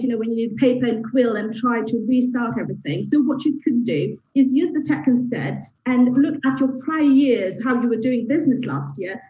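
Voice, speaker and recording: Mellow woman on a distant, echoey call. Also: a little high. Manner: explanatory, lists points in order. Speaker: chartered accountant panelist. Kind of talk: panel discussion. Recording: dull roomy video call audio from far.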